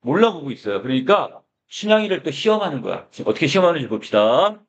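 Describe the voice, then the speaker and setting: Man teaching a lively Korean lesson. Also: on the high side, fast. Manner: explains with many "자," prompts and questions to students. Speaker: middle school Korean teacher. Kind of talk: classroom literature lecture.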